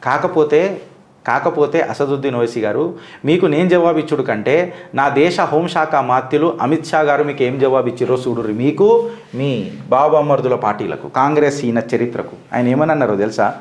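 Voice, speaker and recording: A man's voice: mid-range voice, moderate pace, roomy sound. A man giving combative political commentary, firing rhetorical questions straight at the person he criticizes.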